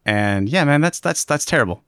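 A man's voice: fairly high pitch, expressive, moderate pace, fairly bright tone, clear, resonant tone, no echo, clean studio sound. A man co-hosting a live stream, chatting casually in rambling, joking rants full of fillers. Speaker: stream co-host. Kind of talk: casual chat.

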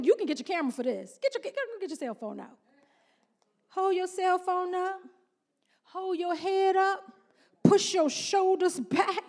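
A middle-aged woman pastor, preaching a sermon with call-and-response and slow, drawn-out emphasis. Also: very high-pitched.

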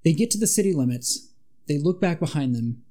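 Co-hosting a podcast, a man chats through a monster legend with dramatic asides in a casual storytelling style. He speaks briskly and expressively, his voice a little high and dark in tone.

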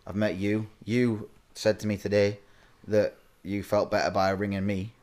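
A man's voice: fairly low pitch, level tone, normal speed, a little mellow. A man hosting a podcast, chatting casually with blunt, sweary, mocking banter. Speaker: podcast host.

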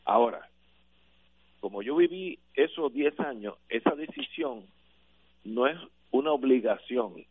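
A man's voice: mid-range voice, big pitch swings, measured pace, pauses often, breathy edge. Older Puerto Rican man arguing on radio. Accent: Puerto Rican Spanish. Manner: emphatic, argues point by point with many fillers. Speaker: radio panelist. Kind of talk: radio talk-show debate. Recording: narrow phone-like radio sound.

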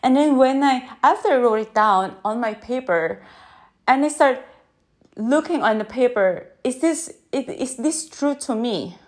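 A woman with a Filipino accent hosting an unscripted podcast into her phone, gently guiding breathing and then talking in a halting way with many restarts. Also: high voice, animated. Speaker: podcast host.

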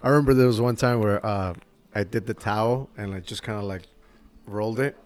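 A man's voice: on the low side, fairly quick, slight background noise. A man hosting a podcast, a barber telling shop stories in casual chat, swearing freely and acting out quotes. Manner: swears freely, animated storytelling with acted quotes. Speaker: podcast host.

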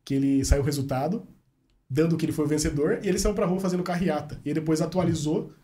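A man's voice: fairly high pitch, fast talker. A man, a journalist chatting casually as a podcast guest and telling stories, acting out the dialogue he quotes. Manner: animated storyteller, acts out quoted dialogue.

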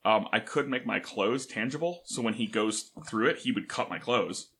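A man's voice: fairly low pitch, normal speed, a bit bright, slightly rough. A young man playing a tabletop game, eagerly arguing the rules and tripping over his own restarts. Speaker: player.

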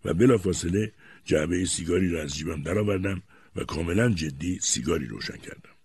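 A man narrating an audiobook in an expressive storytelling manner. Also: low voice, breathy edge. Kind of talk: scripted narration.

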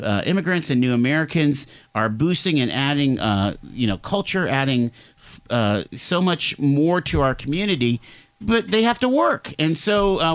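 A late-fifties man hosts a radio interview in a lively, rising and falling voice. He talks in a chatty, halting way, full of fillers and restarts. His pitch sits a little high for a man. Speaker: interview host.

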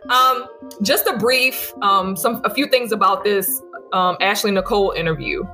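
Bright-voiced woman chatting into a laptop mic. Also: mid-range voice, moderate pace, soft background music. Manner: informal, self-deprecating, wry. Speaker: host and author. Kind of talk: casual, chatty podcast introduction and interview. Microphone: laptop's built-in microphone on a video call.

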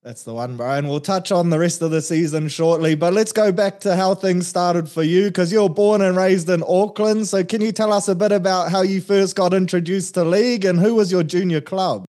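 A man with a high voice hosts a sports podcast, keeping things upbeat and chatty. He asks his questions casually and throws in slang. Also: fairly even intonation, moderate pace, few pauses, warm tone. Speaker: podcast host.

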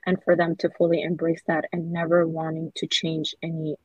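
Casting: earnest Somali-born woman guest, husky low voice, dull lo-fi audio. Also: completely flat delivery, no echo. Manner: earnest, measured, many soft fillers. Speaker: children's book author, guest. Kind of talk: reflective interview answers.

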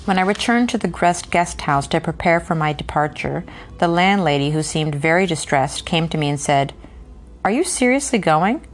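Low-voiced woman reading and musing. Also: moderate pace. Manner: hesitant in commentary, many fillers. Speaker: reader and book commentator. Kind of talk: reading a novel aloud, then casual commentary.

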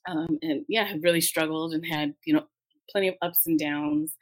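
A woman telling her story in an interview, talking through tears, halting with many fillers. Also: low voice, fairly even intonation, rough recording. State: tearful. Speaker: guest.

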